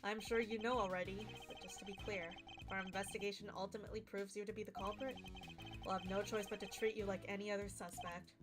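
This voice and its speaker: Woman as stern male game prosecutor, formal, measured, restrained, weary, music behind. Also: medium pitch, little pitch movement, pitched below the performer's own voice, close to an everyday voice. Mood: grave, reassuring.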